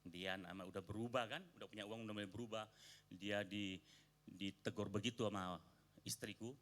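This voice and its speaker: A man's voice: lowish voice, fairly even intonation, fairly quick, a bit bright. An Indonesian man, a pastor, preaching a sermon and telling a personal story, acting out quoted arguments with rising emphasis. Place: church sanctuary.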